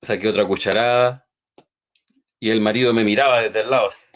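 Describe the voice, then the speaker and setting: A man hosting a faith podcast, retelling a story in an animated way and checking in with his listeners. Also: fairly low pitch, fairly quick. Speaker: podcast host.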